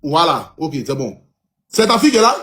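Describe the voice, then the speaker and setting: Guy hosting a live call, high voice, talks fast, teasing and bossy. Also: sing-song, bright, forceful tone. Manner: bossy and teasing, repeats himself quickly. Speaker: live stream host. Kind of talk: casual live video call.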